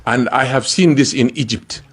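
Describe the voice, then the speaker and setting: A university lecturer from Africa gives a public talk, emphatic and humorous, repeating phrases for effect. His mid-range voice is husky and moves at a normal speed.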